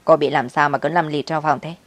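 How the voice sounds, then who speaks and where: A sharp-tongued mother-in-law in a storybook, as a woman narrator puts her on, needling and sulky in a low, quick voice. The recording is dry and close. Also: fairly even intonation, no room sound. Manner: needling, sarcastic. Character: sarcastic, spiteful mother-in-law.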